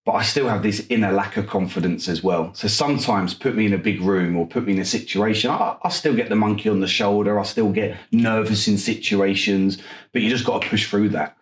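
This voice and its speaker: Low-voiced Essex man, echoey room. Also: brisk. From Essex, England. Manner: enthusiastic, energetic. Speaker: interview guest, property coach. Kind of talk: conversational interview answers.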